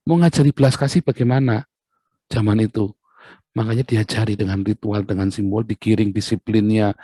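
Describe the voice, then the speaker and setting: Brief: male preacher, mellow and husky, in a dry room, chatty sermon. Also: mid-range voice, dry recording. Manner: conversational, with asides and rhetorical questions.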